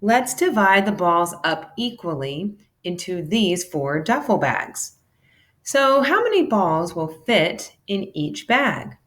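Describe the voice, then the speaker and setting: Acting out each character's lines, this woman, a teacher, reads a children's book with lively expression. She speaks slowly in a fairly low voice.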